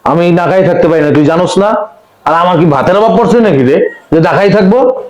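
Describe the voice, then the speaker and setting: A man's voice: high-pitched, brisk, darkish tone, close to an everyday voice. A man playing a belligerent drunk husband who scolds and makes demands of his wife in a short film drama. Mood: belligerent, defiant. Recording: dull, echoey room sound.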